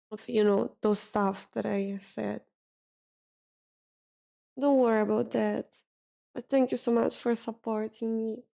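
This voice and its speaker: Woman streamer, high and gravelly, slow, tired and teary, casual chat. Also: mellow. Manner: emotional, thanking viewers, near tears.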